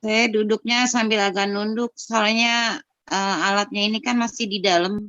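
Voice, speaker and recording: A woman's voice: medium pitch, fairly even intonation, moderate pace, fairly bright tone, dry recording. A middle-aged woman on a video call, candidly telling a personal story in an earnest, conversational way, often restarting her sentences. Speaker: participant sharing a personal story. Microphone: video call microphone. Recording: dull lo-fi video call audio.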